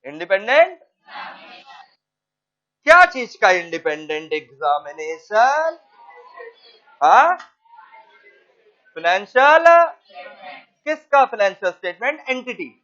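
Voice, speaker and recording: A male teacher giving an animated classroom lecture, firing questions at students and mixing in English phrases. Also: sits high, takes it slowly, long pauses. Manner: mixes English phrases into speech. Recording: dull lo-fi recording.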